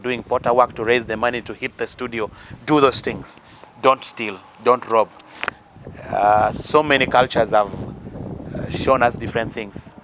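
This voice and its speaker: In this interview, a musician from northern Uganda answers earnestly, offering life advice and discussing his influences in a Ugandan accent, full of fillers and restarts. His voice sits at medium pitch with a slightly bright quality, and a little hiss or hum runs under the recording.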